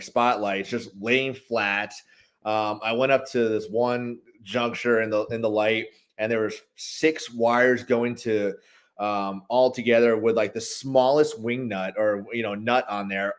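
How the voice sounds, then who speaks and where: A man who runs a lighting business, telling rambling, animated stories in a casual interview. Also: mid-range voice. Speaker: guest, holiday lighting business owner.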